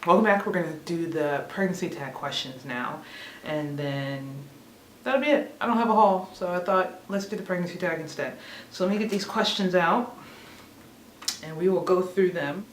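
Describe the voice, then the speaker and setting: A woman in her thirties, a vlogger, chats casually to the camera in a fairly low voice with lively intonation and a normal pace, rambling and frequently laughing at herself. She's recorded from some distance in an echoey room, with a faint hiss beneath her voice.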